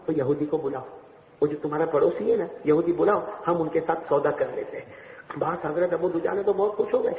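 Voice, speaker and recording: A male preacher with a very high voice tells a story to a gathering. He shifts into the voices of its people and keeps urging the crowd to repeat lines with him. The hall is roomy, with a long ringing reverb. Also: creaky, slight background noise. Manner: calls on the audience to repeat after him; acts out the voices in his story. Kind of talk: sermon storytelling. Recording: echoey hall with long reverb, faint ambience.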